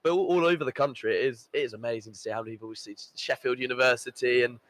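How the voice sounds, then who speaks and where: A man's voice: mid-range voice, very fast, fairly bright tone, rough recording. Upbeat man commentating a live event. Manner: enthusiastic, upbeat, lots of praise and fillers.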